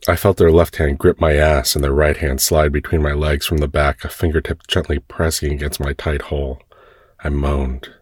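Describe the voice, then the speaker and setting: A man narrating a first-person erotic story in a slow, soft, intimate way. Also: very deep voice, level tone, husky, no echo, clean studio sound.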